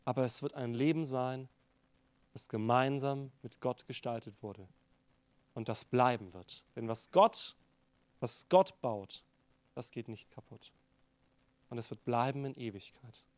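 A man preaching a sermon to a congregation, rising to loud, emphatic peaks and dropping to hushed phrase endings. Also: mid-range voice, measured pace, long pauses, no echo. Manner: addresses the congregation directly.

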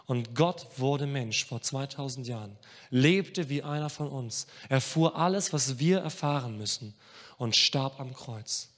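A man preaching a sermon with passion, speaking straight to his listeners and moving between hushed and emphatic delivery. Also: mid-range voice, unhurried. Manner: addresses listeners directly. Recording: long reverb of a large hall.

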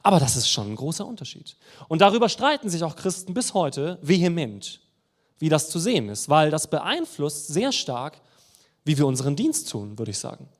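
A man's voice: fairly high pitch, sing-song, moderate pace. A man teaching a congregation about theology in a sermon style, explaining with rhetorical questions.

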